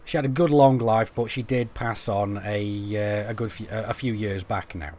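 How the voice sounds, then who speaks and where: On the low side with a darkish, steady tone, the voice belongs to a young British man streaming a game live, with a little hiss or hum in the audio. At a moderate pace he rambles, mocks himself, and chats with viewers while fiddling with the menus.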